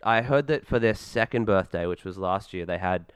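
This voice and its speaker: A man's voice: deep voice, normal speed, smooth, dry recording. An Australian man co-hosting a podcast in casual chat, joking and sarcastic, with some swearing. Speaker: podcast co-host.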